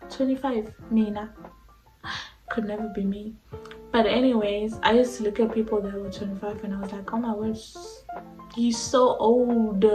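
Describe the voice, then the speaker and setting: A woman's voice: medium pitch, a little mellow, roomy sound, poor audio. A woman in her twenties from South Africa, talking casually and rambling to her vlog audience with lots of fillers. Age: 20s. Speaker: vlogger. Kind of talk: casual talk to camera.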